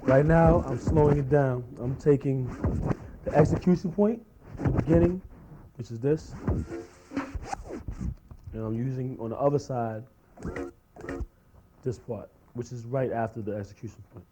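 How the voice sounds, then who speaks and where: Man explaining beat juggling over loud music. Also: medium pitch, normal speed, pauses often, highs cut off. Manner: explains while performing, casual fillers. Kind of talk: step-by-step tutorial over turntables. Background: record scratching and music.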